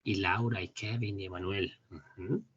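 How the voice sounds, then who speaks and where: A man teaching an English class over a video call, explaining in Spanish and slowly modeling English phrases. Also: sits low, fairly even intonation, a bit bright, slightly rough. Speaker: English instructor. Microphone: computer mic on a video call. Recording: dull lo-fi meeting recording.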